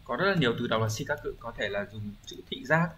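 A man of middle pitch talks his students through exam questions one at a time. He explains each word patiently and keeps pausing to check that they follow. A faint hiss sits under the recording. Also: lively intonation, fairly bright tone. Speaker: Japanese teacher. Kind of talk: exam review lesson.

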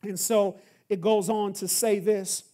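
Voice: medium pitch, flat delivery, unhurried, dark tone. A pastor preaching a sermon in an emphatic style, driving points home with repeated refrains.

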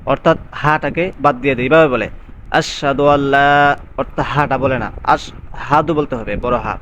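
A man teaching the call to prayer, explaining pronunciation rules and chanting the words slowly and drawn out. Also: mid-range voice, a bit bright. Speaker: azan teacher. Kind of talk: recitation lesson. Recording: dull lo-fi sound, faint background noise.

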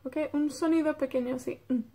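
A woman's voice: sits high, fairly even intonation, brisk, dark tone. A woman from Wales with a North Welsh accent, teaching a beginner Welsh lesson in Spanish, patiently checking in with her students and drilling words.

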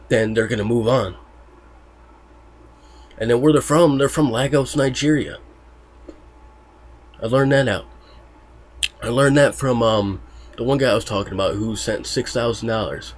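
A man talking casually to his viewers, loose and profane, with lots of fillers. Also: medium pitch. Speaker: YouTuber warning about online scams. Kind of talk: casual talk to camera.

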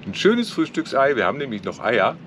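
Holding a camera at arm's length, a middle-aged sailing vlogger casually narrates his travel vlog outdoors on a boat deck and shore. His medium-pitched, fairly bright voice moves briskly with big pitch swings, and the outdoor camera audio is noisy.

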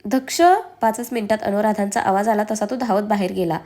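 Expressive woman narrating a story. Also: mid-range voice, quick pace. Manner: expressive, voices every character.

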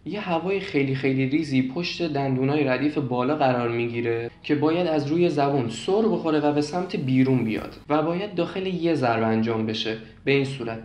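A young man calmly explaining beatbox technique step by step, repeating points and demonstrating as he goes. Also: medium pitch, few pauses, roomy sound. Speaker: beatbox teacher.

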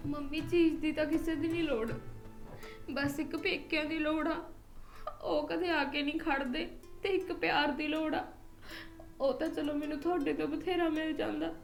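Hurt lonely young wife. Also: female voice, sits high, steady tone, moderate pace, gravelly, reverberant, faint music behind. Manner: plaintive, complaining softly. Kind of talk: village family drama.

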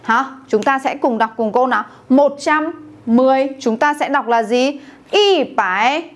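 A woman's voice: high-pitched, moderate pace. A woman teaching a beginners' Chinese class, asking the class questions and having them repeat words aloud. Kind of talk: classroom language lesson.

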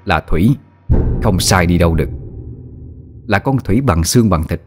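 A low-voiced man narrates an audio ghost story, vivid and steady. Faint music plays behind him. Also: normal speed.

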